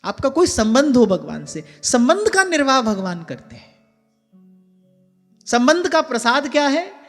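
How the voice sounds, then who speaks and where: In a large hall full of long reverb and faint music, a male spiritual teacher delivers a devotional sermon with sung verses. His very high-pitched voice swings widely in pitch at a measured pace, and he earnestly repeats key phrases for emphasis.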